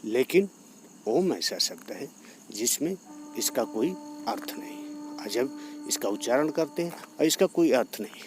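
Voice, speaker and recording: A man gives a steady, explanatory yoga talk, repeating key points as he goes. His voice sits at an ordinary middle pitch. Crickets chirp softly behind him. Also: unhurried, a little hiss or hum. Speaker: yoga teacher.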